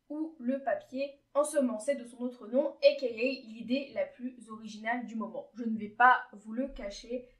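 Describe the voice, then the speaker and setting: A woman hosting her own podcast, explaining a topic in a chatty, lively way with casual asides. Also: high voice, roomy sound. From France. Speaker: podcast host. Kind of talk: informative solo podcast.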